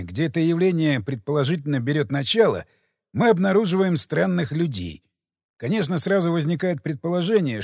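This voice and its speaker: A male narrator voicing a calm, reasoning male leader in an audiobook, measured and explanatory. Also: fairly high pitch, gravelly, no echo, studio quality.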